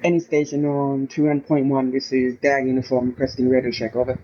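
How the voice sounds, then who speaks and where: A man's voice comes through a walkie-talkie, muffled and a little dull, with a faint hiss under it. He speaks in a flat, level, rather dark tone, keeping to clipped radio-check phrasing. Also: medium pitch, brisk. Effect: voice heard over a walkie-talkie radio. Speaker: player in a co-op military game. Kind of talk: formal military radio procedure.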